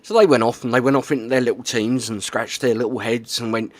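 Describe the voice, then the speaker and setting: Guy, mid-pitched voice, walks you through it plainly, dry close sound. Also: fairly even intonation, fast, dry recording. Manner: keeps checking in with "okay?" and "right". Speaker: YouTuber. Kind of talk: explanatory casual monologue.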